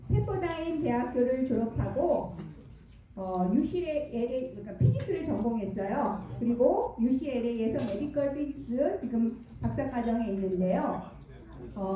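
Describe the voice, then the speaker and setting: A middle-aged woman introducing a speaker as a forum emcee, pausing often between phrases. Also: a little high, mellow. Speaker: event emcee. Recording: very echoey hall, far from mic.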